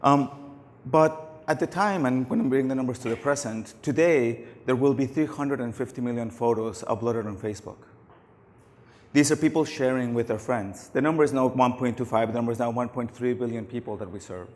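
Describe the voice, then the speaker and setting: Speaking briskly in a medium pitch with a darkish tone, a middle-aged conference speaker is losing his voice. His talk on stage is casual and anecdotal, with many fillers, and the large hall adds long reverb.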